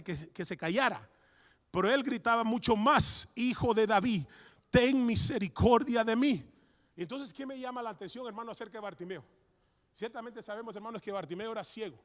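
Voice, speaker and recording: A man preaching a fervent sermon at a men's church meeting, constantly calling out to his brothers and rising to shouts. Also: high-pitched. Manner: fervent, repeats "hermano" constantly, rises to shouts. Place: church hall. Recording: long church-hall reverb.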